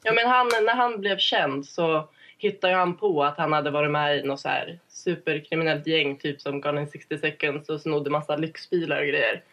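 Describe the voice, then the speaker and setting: A young woman talks in a casual, self-deprecating way, her northern Swedish blended with Stockholm dialect. She is informal and loose with her language, like a relaxed podcast guest. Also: low-pitched. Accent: northern Swedish mixed with Stockholm Swedish. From Hälsingland, Sweden. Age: young adult. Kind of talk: casual chat.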